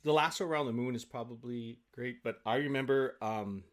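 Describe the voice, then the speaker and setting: A man appears as an interview guest, chatting casually and enthusiastically while telling stories in an animated way. His voice is mid-range and fairly quick.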